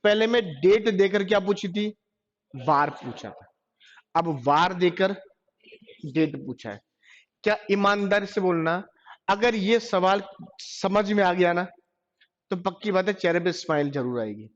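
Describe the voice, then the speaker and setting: A male computer teacher with a high voice and lively intonation lectures unhurriedly, with long pauses between thoughts. He quizzes his students, then answers for them. It's a dull, lo-fi classroom recording.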